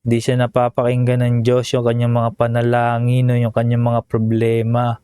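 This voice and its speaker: A man's voice: mid-range voice, completely flat delivery, moderate pace, mellow, smooth, no room sound, clean studio sound, faint music behind. A man vlogging casual reaction commentary over a video, chatty and emotional, often ending phrases with a questioning tag.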